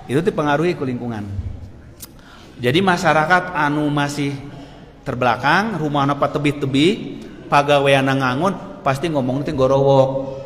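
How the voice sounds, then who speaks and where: Animated Sundanese man preaching in an echoey hall. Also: on the high side. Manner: animated storytelling, laughs often, shouts out quoted lines. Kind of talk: Sundanese sermon. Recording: echoey hall with faint noise.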